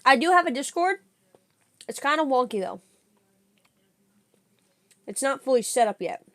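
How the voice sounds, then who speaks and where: A young woman streaming a reaction video, chatting casually in an excitable, slangy way while snacking. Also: sits high, a little slow.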